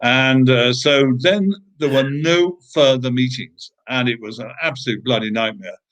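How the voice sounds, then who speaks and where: A British man recounts events as an interview guest, in an even mid-range voice. He speaks emphatically, stumbling through fillers and false starts as he goes. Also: medium pitch, a little slow. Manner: emphatic, hesitant with fillers and restarts. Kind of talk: conversational storytelling.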